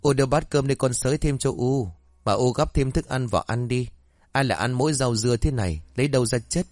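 A man's voice: mid-range voice, fairly quick, a little mellow, no room sound, clean studio sound, natural voice. Man voicing a dutiful young village wife. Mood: fond. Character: dutiful young village woman, daughter and mother.

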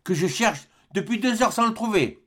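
A man's voice: high-pitched, steady tone, a little fast, a bit bright, pitched above the performer's own voice. A stern, wary army captain with a curt, tense delivery, lifted above the teller's own voice, as a man reads him aloud. A character voice from a storybook reading.

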